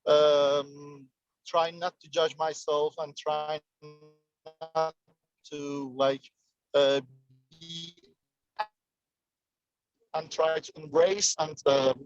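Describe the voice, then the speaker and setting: Slow hesitant man, call cutting out. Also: a little high, level tone, soft background music. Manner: hesitant, many filler words. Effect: video call audio cutting out and breaking up. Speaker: workshop participant. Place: in a moving car. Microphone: video call. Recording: dull lo-fi video call audio.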